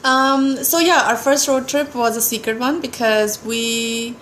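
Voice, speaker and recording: A woman's voice: a little high, fairly even intonation, a little slow, a bit bright, a little hiss or hum. A young woman from India, chatting casually with her husband and teasing him. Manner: chatty, teasing, laughs often. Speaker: co-host of a couple's livestream. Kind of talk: casual chat.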